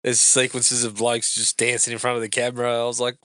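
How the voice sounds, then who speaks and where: Man, relaxed chatty co-host, bright voice, dry studio. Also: medium pitch, fairly quick, no echo. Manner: laid-back, chatty, laughing. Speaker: podcast co-host. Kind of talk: casual movie commentary.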